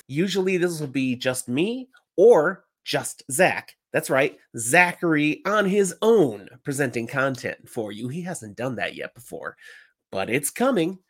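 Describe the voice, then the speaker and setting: A man's voice: fairly high pitch, unhurried, husky. A middle-aged man hosting an informal, enthusiastic solo book podcast, his voice slightly congested and stuffy from a cold. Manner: informal, emphatic, animated. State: getting over a cold. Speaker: podcast host.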